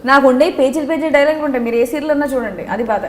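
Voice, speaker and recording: Fast-talking actress in an echoey room. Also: female voice, sits high. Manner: lively, laughing, protests playfully. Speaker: TV serial actress, guest. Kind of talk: casual interview chat. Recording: echoey room with faint hiss.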